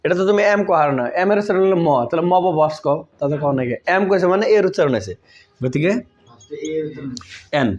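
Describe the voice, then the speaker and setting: Guy teaching grammar, kinda high voice, slightly muffled audio. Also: brisk, darkish tone. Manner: conversational, asks pupils checking questions. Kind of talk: informal classroom explanation.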